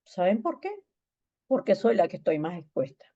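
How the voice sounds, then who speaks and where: A woman's voice: fairly low pitch, lively intonation, moderate pace, warm tone, muffled recording. A woman pastor preaching a sermon, emphatic and repeating phrases for stress.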